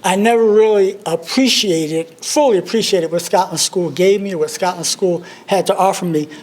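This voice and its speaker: An older man speaks at a memorial in a notably high voice for a man. He tells his stories with dry, self-deprecating humor, in the manner of a tribute speech. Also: normal speed, slight background noise. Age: 60s. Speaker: alumnus speaker at a memorial service.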